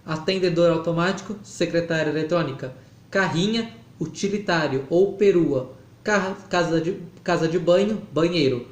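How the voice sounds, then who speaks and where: Man, careful halting read-aloud, raised pitch, roomy echo. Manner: slow, halting reading with restarts. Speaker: reader of an academic text. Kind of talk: slow read-aloud of an academic text. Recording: echoey room.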